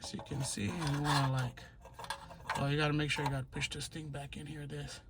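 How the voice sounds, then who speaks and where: A DIY car tutorial presenter with a slightly high, level-toned voice narrates a hands-on repair without a script. He moves step by step, haltingly, often repeating his instructions. The amateur recording carries clear background noise and clicking.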